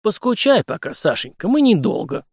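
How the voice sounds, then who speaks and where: A man's voice: sits high, big pitch swings, normal speed, a little mellow, husky, no room sound, studio quality, voice pushed up, full character voice. A man voicing a sighing, fretful old grandfather prince in a storybook reading. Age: older.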